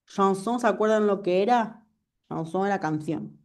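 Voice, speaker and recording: Lady teacher on a video call, warm mellow voice, keeps asking if everyone follows. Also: medium pitch, normal speed. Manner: patient, checks understanding often. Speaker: French teacher. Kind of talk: online class explanation.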